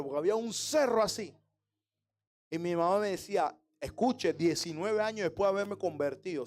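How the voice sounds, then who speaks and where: Pastor with a high voice. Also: male voice, a little mellow. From Panama. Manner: humorous preaching with rhetorical questions. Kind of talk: sermon.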